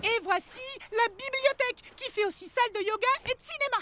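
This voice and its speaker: A woman voicing a carefree, oblivious, enthusiastic little boy in an animated cartoon, with a breezy, exclamatory manner. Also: extremely high pitch, a little fast. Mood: proud, cheerful. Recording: loud music behind the voice. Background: music.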